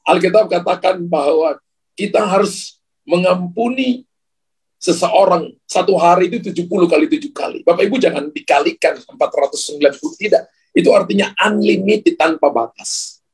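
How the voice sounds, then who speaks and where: A male pastor delivers a sermon in a relaxed, conversational way and keeps turning to the congregation. His voice sits a little high and sounds husky. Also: normal speed, poor audio. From Ambon, Indonesia. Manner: conversational preaching with frequent "ya" and direct address.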